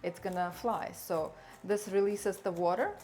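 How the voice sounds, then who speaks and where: A woman's voice: mid-range voice, fairly even intonation, a little slow, darkish tone. A woman hosting a cooking show, chatting casually and explaining each step as she cooks. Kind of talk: casual chat while cooking.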